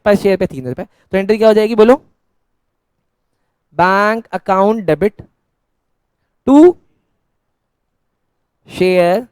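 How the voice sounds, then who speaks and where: Male teacher, smooth resonant voice, dry close sound, playful scolding, lecture pace. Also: high-pitched, darkish tone, no echo. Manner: teasing, scolding banter with students; answers his own questions in a student voice. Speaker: accounts teacher. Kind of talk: classroom-style Hindi lecture.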